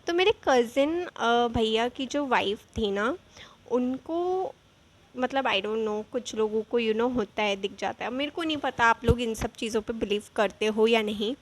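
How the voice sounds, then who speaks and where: A young woman telling a real-life ghost story in a chatty, animated way, with frequent asides. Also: on the high side, slight background noise. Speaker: vlogger. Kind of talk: casual storytelling.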